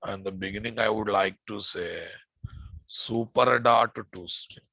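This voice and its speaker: Male programming teacher, Telugu Indian accent, gravelly edge, deliberate pace, repeats key phrases for the class. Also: on the low side, bright, forceful tone, no room sound. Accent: Indian, Telugu-influenced. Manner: repeats phrases, frequent check-in questions. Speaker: programming instructor. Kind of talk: live coding lesson, addressing students.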